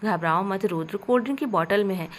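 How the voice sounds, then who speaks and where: A woman's voice: medium pitch, quick pace, lightly acted. A woman voicing a teasing, joking young male friend in a spoken story.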